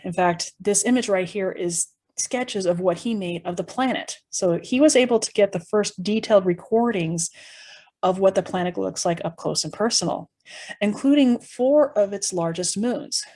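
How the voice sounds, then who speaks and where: A woman's voice: medium pitch, mellow. A woman presenting an educational tour in a conversational, explanatory way, with informal asides and rhetorical questions.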